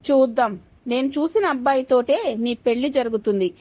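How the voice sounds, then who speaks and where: Storybook drama: a woman playing a haughty wealthy mother, domineering and scornful, pitched a little high. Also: a little fast, a little mellow, dry recording. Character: arrogant status-proud rich middle-aged mother.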